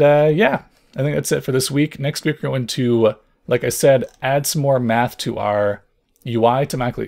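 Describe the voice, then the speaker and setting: A young man with a hoarse, worn voice, hosting a casual programming tutorial and thinking out loud as he explains. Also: medium pitch. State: hoarse from lost voice.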